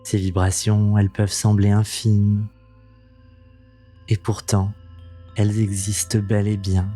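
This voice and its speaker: A man leading a guided meditation in a soothing, gentle, intimate voice that sounds close to the ear, unhurried and calming, as the host of the practice. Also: on the low side, soft background music. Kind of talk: slow guided meditation narration.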